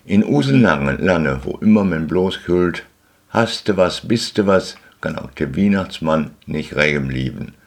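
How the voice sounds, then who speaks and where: A man's voice: sits low, animated, a little slow, vocal fry, exaggerated voice. A man voicing an earnest angel who declaims like a preacher. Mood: declaiming.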